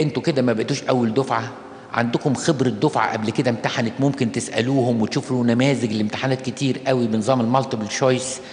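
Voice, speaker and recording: A man with an Egyptian Arabic accent, a priest answering questions in a lively, animated pastoral talk. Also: medium pitch, reverberant, long reverb tail. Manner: lively, animated, acts out askers' words.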